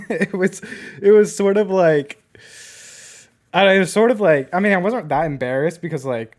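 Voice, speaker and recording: A man's voice: high voice, normal speed, a little mellow. A man co-hosting a podcast, casually telling a rambling story full of filler words. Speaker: podcast co-host.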